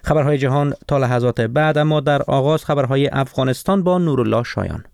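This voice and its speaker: A man's voice: mid-range voice, gravelly, a little mellow, clear, resonant tone, dry recording, clean studio sound. A man with an Afghan Dari accent presents a radio programme and reads scripted headlines in a formal manner. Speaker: radio host and newsreader.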